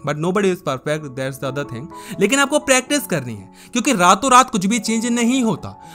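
Chatty high-voiced man giving advice. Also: sharp tone. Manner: chatty, addresses viewer as brother, mimics people. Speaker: self-help YouTuber. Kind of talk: casual Hindi advice talk to camera.

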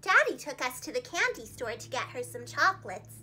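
A young woman reads a story to small children like a preschool teacher, her very high voice swinging widely in pitch with expressive, dramatic phrasing and a fairly quick pace. She sits against a plain wall in a small indoor room, and a faint hum of noise is audible.

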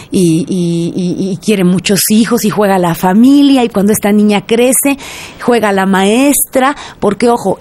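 A woman, a guest expert on a radio interview, explaining in a lively, teacherly way and speaking directly to listeners. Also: medium pitch.

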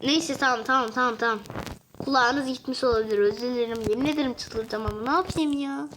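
A high-pitched woman gives excitable, casual game commentary, bursting into exasperated strings of repeated words. She records at home at her computer. The recording has a clearly audible noise bed with faint clicks behind her. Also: fast talker. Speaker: gaming channel host.

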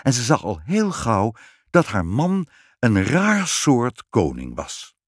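A man with a Dutch accent reading a fairy tale aloud, his pitch rising and falling with animation. His voice is at a middling pitch for a man. The recording is close and dry. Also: husky, no room sound. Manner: expressive, animated. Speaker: narrator. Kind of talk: storybook reading.

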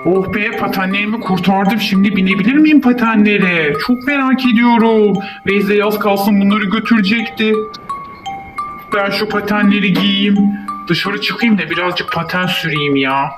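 A man's voice: high voice, normal speed, close to an everyday voice. A man voicing a whiny toy neighbor man who complains in a plaintive, childlike way about losing his skates. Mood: relieved. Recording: echoey room, voice from far off. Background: music.

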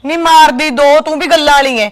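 In a comic village drama, a woman plays a gossipy daughter-in-law, her voice high, brisk and lightly acted, with fairly even intonation. Chatty and persuasive, she gossips about her mother-in-law while talking a neighbour round.

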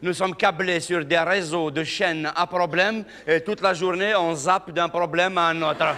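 A male comedian spins a playful, animated story on a theatre stage, his high voice bright and forceful. A long hall reverb and faint noise surround his voice. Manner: animated, playful, dramatic pauses. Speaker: stand-up comedian.

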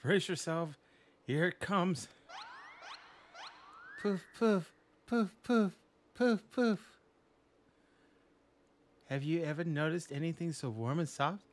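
A man voicing a flirty male spa attendant with a put-on French accent, teasing and sultry. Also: on the high side. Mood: seductive. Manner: sultry, teasing, drawn-out delivery.

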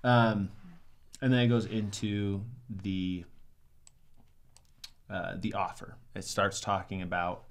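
A man's voice: fairly low pitch, level tone, slow, pauses often. A young man sitting at a desk in a small studio, casually critiquing ads to the camera in an upbeat way, with lots of "um"s. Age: young adult. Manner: upbeat, many "um"s and "right?". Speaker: marketing reviewer.

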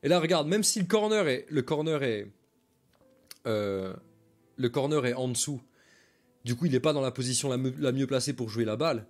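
A man's voice: mid-range voice, expressive, moderate pace, pauses often. A man coaches viewers through football film in a live stream, in an easy, chatty way. He repeats his key points and stops now and then to answer viewer comments. He speaks close to a desk mic at his computer.

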